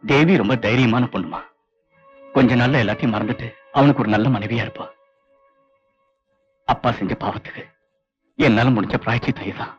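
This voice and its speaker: A man playing a gentle self-sacrificing son. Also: mid-range voice, brisk, pauses often, close to an everyday voice. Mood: resigned. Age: young adult. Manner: gentle, earnest and resigned. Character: self-sacrificing young son named Rishi. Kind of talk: 1990s film drama acting. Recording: dull lo-fi film audio with faint music.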